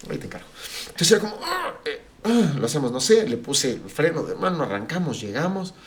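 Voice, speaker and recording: A middle-aged pastor appearing as a podcast guest shares a personal story, animatedly acting out the dialogue of family and friends. His voice runs on the high side and his pace is brisk.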